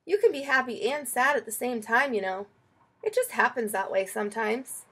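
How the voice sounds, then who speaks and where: A woman reading a children's picture book aloud in an expressive, storytelling way. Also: a little high, moderate pace, slightly rough. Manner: expressive, acts out quoted lines.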